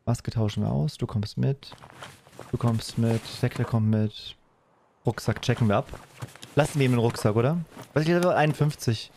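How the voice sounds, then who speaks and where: A man's voice: mid-range voice, moderate pace, vocal fry, darkish tone, a little hiss or hum. A man in his thirties chatting casually as he streams his gameplay from a room indoors. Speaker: game streamer. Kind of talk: casual live gaming chat.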